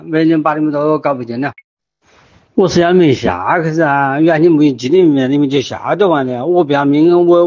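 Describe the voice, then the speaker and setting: An older man with a Wuhan accent speaks in a somewhat high-pitched voice. He is distraught and agitated, pressing his point with repeated phrases. The sound is muffled and lo-fi, like a voice message recorded on a phone. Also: darkish tone. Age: older, near retirement. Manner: agitated, insistent, repetitive pleading and warning. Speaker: resident leaving voice messages in a group chat. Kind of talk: informal voice messages.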